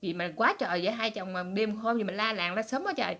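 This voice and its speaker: A woman voicing a curious, excitable husband who gossips about the neighbors. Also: mid-range voice, fast talker. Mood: worked up. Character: curious nosy husband, middle-aged man.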